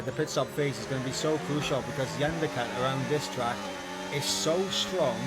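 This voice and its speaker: A man's voice: mid-range voice, very noisy. A man giving live play-by-play motorsport commentary on a sim race, calling the action in long running sentences.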